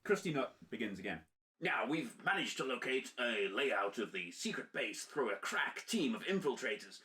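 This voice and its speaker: A man's voice: mid-range voice, sharp tone. A man narrating as game master of a tabletop game, with a playful, joking delivery.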